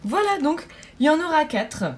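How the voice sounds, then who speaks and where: A woman's voice: sits high, sing-song, normal speed. Cheerful woman vlogger, chatty and giggly, talking straight to her followers over a faint hum. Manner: bubbly, chatty, laughs often, many fillers. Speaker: budgeting vlogger. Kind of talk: casual chat to viewers.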